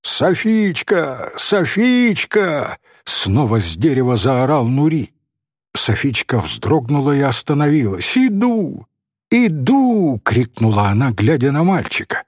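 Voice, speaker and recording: A man narrating a story in an expressive, gently ironic way. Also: mid-range voice, moderate pace, breathy edge, dry recording, clean studio sound. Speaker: audiobook narrator.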